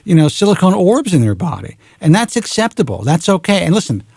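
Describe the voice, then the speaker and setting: Man, 40s, radio talk show host, blunt and frank, gravelly voice, dry close studio sound. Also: sits high, big pitch swings, fairly quick, darkish tone, dry recording. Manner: frank, blunt, swears casually.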